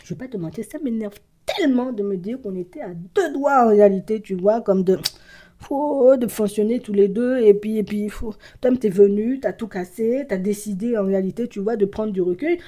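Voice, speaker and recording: A woman giving a casual card reading to her viewers, animated and full of fillers, sometimes dropping into a whisper. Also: medium pitch, normal speed. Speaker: card reader. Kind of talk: casual tarot-style reading to camera.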